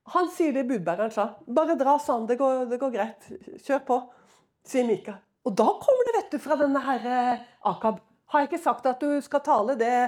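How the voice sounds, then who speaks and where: A woman preaching a sermon, telling stories in a lively, casual way with everyday fillers. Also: high voice.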